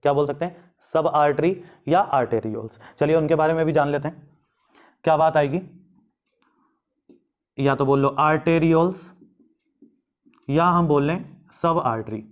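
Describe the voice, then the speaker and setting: A man's voice: on the high side, moderate pace, pauses often. A man teaching biology, asking questions aloud and answering them himself, drawing out key terms. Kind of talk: classroom lecture.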